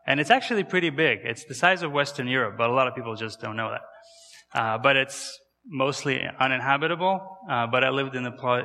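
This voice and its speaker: A guest missionary in his thirties from Kazakhstan, with an accent from there, gives a conversational sermon in a church and asks the audience questions. His mid-range voice is bright and forceful, with a big-room sound.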